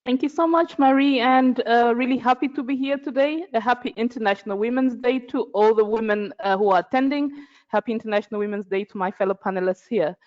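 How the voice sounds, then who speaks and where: A woman's voice: fairly high pitch, quick pace. Woman introducing herself on a panel call, earnest, kinda muffled audio. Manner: earnest, with restarts and fillers. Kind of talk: self-introduction on a webinar. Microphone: video call.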